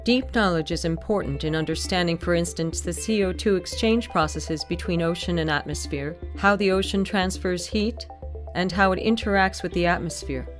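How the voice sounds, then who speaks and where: Low-voiced woman narrating over music. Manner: measured, explanatory. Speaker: documentary narrator. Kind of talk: scripted narration.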